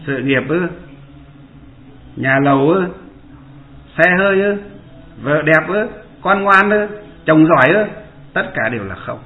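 A man, a Buddhist monk giving a dharma talk and asking his listeners rhetorical questions. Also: on the high side. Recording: echoey room over a tinny line.

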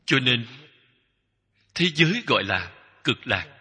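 A man giving a Buddhist dharma talk as a teacher, speaking in slow, measured short phrases that repeat. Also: medium pitch, very animated, pushed and bright, breathy edge. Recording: long hall reverb.

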